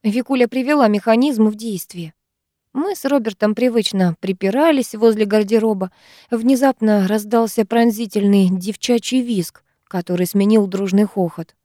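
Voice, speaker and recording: A woman reading a first-person audiobook in a lively, expressive way. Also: medium pitch, normal speed, dry recording, studio quality. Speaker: audiobook reader.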